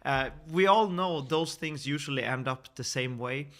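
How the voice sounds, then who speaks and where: A man in his thirties from Sweden talks through a screen-share sales pitch, earnest and persuasive. His voice is bright and forward, mid-pitched for a man, and he often restarts words and fills gaps with "uh". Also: normal speed. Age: 30s. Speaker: network marketing presenter.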